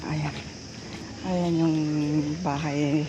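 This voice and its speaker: A woman's voice: low voice, fairly even intonation, drawn-out words, dull audio. A woman vlogging casually on a handheld phone, chatting, laughing often and pointing things out as she walks. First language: Tagalog. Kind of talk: casual walking vlog. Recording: loud outdoor night noise with crickets.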